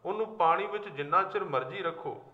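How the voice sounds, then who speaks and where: A man's voice: high voice, brisk. A man giving a sermon who explains scripture verses line by line with everyday examples. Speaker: Sikh preacher. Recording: echoey hall, dull lo-fi sound.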